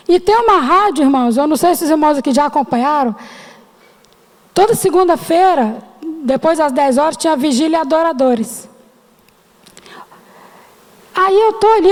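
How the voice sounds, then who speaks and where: A middle-aged woman stands before her congregation sharing an emotional personal testimony, often pausing to address them as brothers and sisters. Her voice sits high. The sound carries a long reverb from the church hall. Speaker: church member giving testimony.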